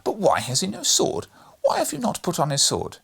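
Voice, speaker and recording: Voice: mid-range voice, huge pitch swings, moderate pace, vocal fry, fairly bright tone, breathy edge, voice pushed up, exaggerated voice. A narrator voicing a boisterous, cheeky young boy from a storybook, emphatic and outspoken. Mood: bold.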